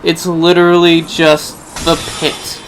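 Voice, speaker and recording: A man's voice: fairly high pitch, monotone, takes it slowly. A man giving casual, rambling gameplay commentary as host, musing wryly as if to himself. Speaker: gaming video host. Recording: clearly noisy background under voice.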